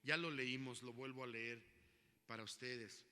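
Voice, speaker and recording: A man's voice: medium pitch, steady tone, measured pace, pushed and bright, clean tone, long reverb tail. A man preaching a sermon as pastor, asking his listeners questions and building in intensity.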